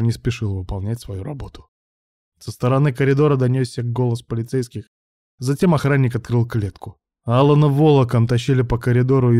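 A man's voice: mid-range voice, no echo, clean studio sound. A man narrating a story as an audiobook, reading dramatically. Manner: dramatic reading, shouting quoted lines.

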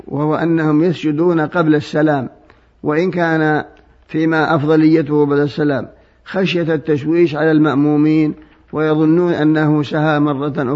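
A man with a fairly high voice gives religious rulings as a scholar, in mostly formal Arabic with colloquial touches. His manner is didactic and orderly, and the old recording is dull and muffled. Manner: didactic, explaining step by step with examples. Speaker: religious scholar answering listeners' questions.

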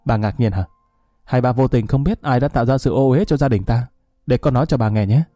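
A man's voice: mid-range voice, brisk, warm tone, no echo, studio quality, faint music behind, lightly acted. A man voicing a grieving young man who answers his father with cool, mocking sarcasm.

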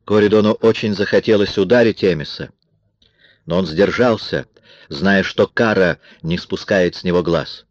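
A man narrating a crime novel audiobook in a steady, measured reading. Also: low voice, no echo. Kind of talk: scripted narration. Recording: dry, dull lo-fi recording.

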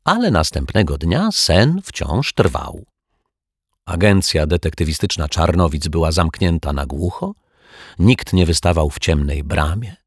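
Deep husky male storyteller. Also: a little slow, no echo, studio quality. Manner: expressive storyteller. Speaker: narrator. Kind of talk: audiobook narration for children.

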